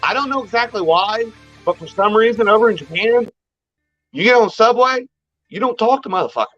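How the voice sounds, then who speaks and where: A man's voice: high-pitched, lively intonation, a little fast, fairly bright tone, soft background music. Rambling man, slightly muffled. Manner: rambling, trailing off and restarting. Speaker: podcast co-host. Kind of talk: casual crude chat.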